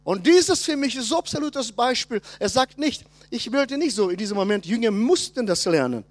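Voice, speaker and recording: A man in his sixties preaches with a high, lively voice that leaps between loud emphasis and soft asides. The sound is dry and close. He speaks straight to the congregation. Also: normal speed, dry recording. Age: 60s. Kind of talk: conference sermon.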